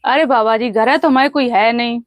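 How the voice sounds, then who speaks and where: A woman's voice: fairly high pitch, fairly even intonation, moderate pace, slight background noise, natural voice. A woman playing a blunt, sceptical village housewife in a comedy sketch, speaking rural north Indian Hindi dialect. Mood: suspicious, scornful. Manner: blunt, questioning.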